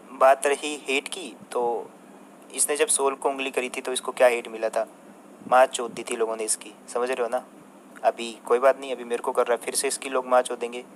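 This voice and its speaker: A man's voice: mid-range voice, slight background noise, poor audio. A young man, a mobile game streamer ranting at a rival, combative and swearing heavily while turning to his viewers. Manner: addresses the viewers and a rival by turns. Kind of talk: angry rant to viewers.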